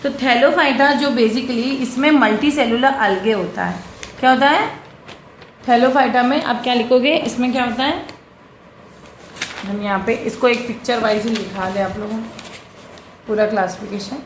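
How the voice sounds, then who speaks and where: A woman's voice: on the high side, measured pace, pauses often. A young adult woman teaches a biology lesson, mixing in English terms, explaining step by step and often checking that students follow. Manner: has students repeat terms after her. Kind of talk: bilingual classroom lecture. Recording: echoey room with faint background noise.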